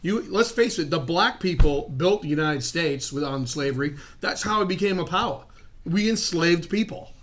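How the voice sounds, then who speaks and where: A man with a somewhat high voice arguing a point in a casual conversation. He talks insistently and keeps repeating "you know" as filler. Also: lively intonation, normal speed, fairly bright tone, slight background noise. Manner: argumentative, leans on "you know". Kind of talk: casual chat, opinionated.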